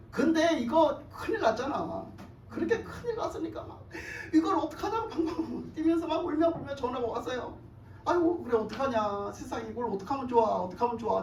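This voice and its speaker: A woman's voice: high-pitched, slight background noise. A woman pastor preaching in a colloquial storytelling style, often laughing and acting out quotes. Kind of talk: storytelling sermon. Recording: roomy church hall, distant mic, faint ambience.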